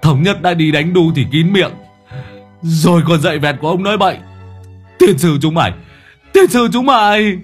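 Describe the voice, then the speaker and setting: A man voicing a bald, panicky old neighbor who wails in a shrill voice, in a comic audio story. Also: moderate pace, long pauses, slightly rough, faint music behind. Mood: cursing. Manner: wailing, shrill and frantic.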